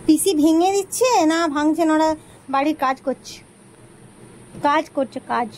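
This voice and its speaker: Woman, very high voice, coaxing, teasing, repetitive questions, faint background hiss. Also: a little slow, a little mellow. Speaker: vlogger. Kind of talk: casual chat with a toddler.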